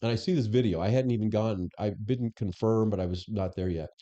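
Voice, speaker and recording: A middle-aged man with a deep, very dark and mellow voice tells stories as a guest. He acts out old conversations as he goes. The sound is a bit dull and lo-fi. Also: a little fast. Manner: anecdotal, acts out quoted dialogue. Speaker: interview guest, former police superintendent. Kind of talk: conversational storytelling.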